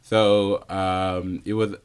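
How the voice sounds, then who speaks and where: A man in his thirties from Senegal, answering interview questions in an easygoing way, pausing with fillers and chuckling often. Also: low-pitched, little pitch movement, clean tone. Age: 30s. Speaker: interview guest, physicist.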